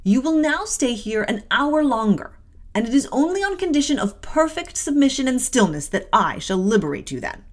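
Woman playing a severe, imperious aunt, swooping pitch. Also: big pitch swings, normal speed. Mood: cold, commanding. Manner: peremptory, severe, formal. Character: cold, stern, imperious aunt and household mistress. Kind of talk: classic novel audiobook character voice.

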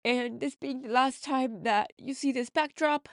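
A woman's voice: sits high, unhurried, no room sound, studio quality. A woman hosting her own podcast as a mindset coach, talking earnestly and emphatically to encourage her listeners. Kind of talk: motivational podcast monologue.

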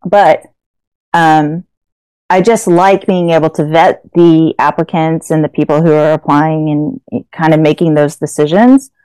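A woman's voice: sits low, fairly even intonation, a little slow, warm tone, clean tone, no room sound, rough recording. A young adult woman co-hosting a podcast, talking casually with lots of fillers and restarts. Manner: chatty, with frequent fillers and restarts. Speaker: podcast co-host.

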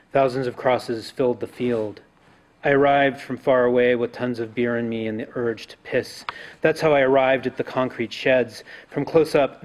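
Male poet at a live reading; grave, intense delivery with chanted repetitions. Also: mid-range voice. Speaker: poet reading a translated poem.

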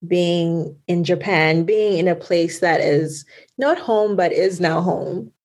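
A woman's voice: on the low side, slow pace, darkish tone. A woman from Zambia hosting an interview, asking questions in an encouraging way with lots of fillers. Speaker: interviewer, host. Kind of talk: conversational interview.

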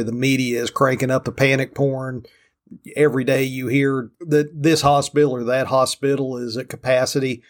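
A man with a Southern US hillbilly drawl hosting a podcast solo, talking casually in a folksy, self-deprecating way. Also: mid-range voice. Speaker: podcast host. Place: room in a rented house.

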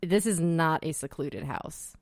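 A young woman with a low voice, co-hosting a podcast in easy conversation. She comes across skeptical, wry and blunt, and she swears casually. The sound is dry and close. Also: measured pace, darkish tone, no echo. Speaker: podcast co-host. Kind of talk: casual chat.

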